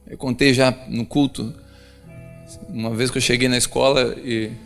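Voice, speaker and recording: A man's voice: mid-range voice, normal speed, gravelly. A male pastor preaching a story-filled sermon, rising to emphatic peaks. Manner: animated, rises to emphatic peaks. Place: church. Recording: echoey church hall, soft music.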